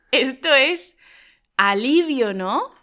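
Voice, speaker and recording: A woman from Spain, co-hosting a lesson and explaining slang to learners in a lively, emphatic way. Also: high-pitched. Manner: lively, emphatic, laughs often. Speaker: Spanish teacher and co-host.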